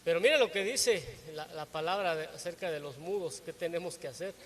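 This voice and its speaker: A man's voice: a little high, a little fast, fairly bright tone, a little hiss or hum. A man preaching a sermon to his congregation, teaching with rhetorical questions and often checking in with tag questions.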